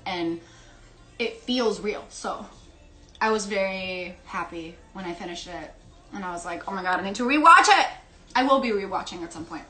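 Eating as she talks, this Instagram live host chats and giggles casually at home, her pet dog in the room. She is a young woman from South America whose first language is Spanish; her mid-range voice is a bit bright, and the phone or laptop stream sounds roomy.

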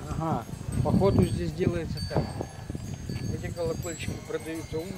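Higher-voiced man vlogging, very noisy outdoors. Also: little pitch movement, normal speed. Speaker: travel vlogger. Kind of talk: casual off-the-cuff sightseeing commentary. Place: outdoors at a hilltop monument. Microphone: handheld camera at arm's length. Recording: very noisy windy outdoor camera audio. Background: loud outdoor ambience, chimes.

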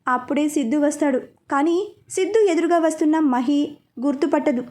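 A woman narrating a serialized story in a steady, even storytelling manner. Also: sits high, fairly quick.

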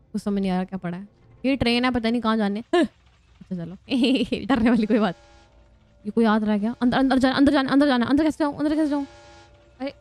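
A woman's voice: fairly high pitch, a little mellow, no room sound. A young woman giving casual, joking gameplay commentary, chatty and prone to squealing laughs when scared. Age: young adult. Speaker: gaming vlogger.

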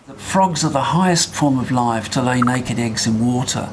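An older man with a mid-pitched voice explains as an expert in a documentary interview. He is deliberate and emphatic, recorded with clearly audible ambient noise behind him. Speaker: scientist interviewee. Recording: noisy ambient background.

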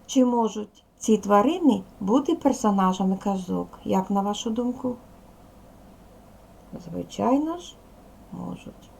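A woman's voice: medium pitch, lively intonation, measured pace, creaky, darkish tone, slight background noise. A woman teacher giving a recorded lesson to young children, asking questions and answering them patiently.

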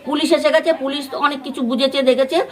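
In an on-the-spot news interview, a neighbour from West Bengal gives a meandering eyewitness account in a West Bengali accent. Her high voice stays steady in tone and moves quickly, and she keeps restarting, using fillers and voicing what others said.

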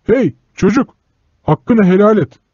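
A man reading aloud, voicing a tall gray-mustached man in a cap who shortchanges a boy, calling out loudly and coaxingly. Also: fairly high pitch, big pitch swings, fast, breathy edge, no echo, voice pushed up, heavily acted. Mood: shouting. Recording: dull lo-fi recording.

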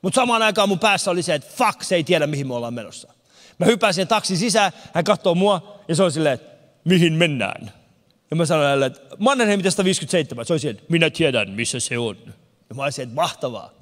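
A man's voice: a little high, expressive. A man doing stand-up comedy, telling a story and acting out the other people's lines, who moved to the country in 1991. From abroad, moved to Finland in 1991. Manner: storytelling, acts out characters' lines. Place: large concert hall with no audience. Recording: long hall reverb.

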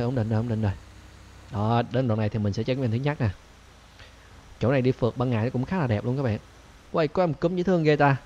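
A young man casually narrating a driving game to his viewers, chatty and excitable. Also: mid-range voice, highs cut off. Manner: excitable, chatty, talks to viewers, frequent laughs and squeals. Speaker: gaming channel host. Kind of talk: casual Let's Play commentary.

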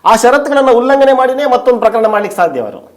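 Journalist guy arguing his point, fires rhetorical questions, highish voice that jumps around a lot. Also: fast talker. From India. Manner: emphatic, rhetorical questions, animated. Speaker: interview guest, journalist and writer. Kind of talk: detailed argumentative interview answers.

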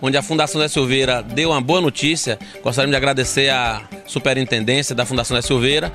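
A man's voice: on the high side, pushed and bright. A man in his forties giving a formal, grateful statement into a handheld mic outdoors. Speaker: local official interviewed. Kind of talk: on-camera statement. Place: outdoors at a health fair. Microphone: handheld reporter mic.

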